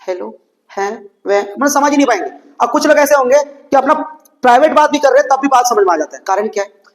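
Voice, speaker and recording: High-voiced man teaching a science class. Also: fast, poor audio. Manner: explains by asking and answering his own questions; mixes English textbook phrases into his explanations.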